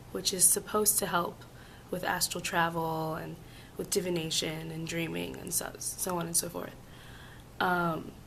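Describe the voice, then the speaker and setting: A woman vlogging casually about personal experiences in a halting way, hoarse and sick, her voice giving out into whispers. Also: on the low side, a bit bright, a little hiss or hum. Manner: halting, hesitant, with long pauses. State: sick with flu and laryngitis. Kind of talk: casual personal storytelling to camera.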